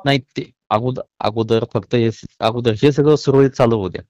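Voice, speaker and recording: A man's voice: mid-range voice, steady tone, moderate pace, darkish tone, no room sound. A man, an official taking a call over the phone, who reassures the caller and repeats his promises over and over. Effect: heard over the phone. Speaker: government official answering a caller. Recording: dull phone line.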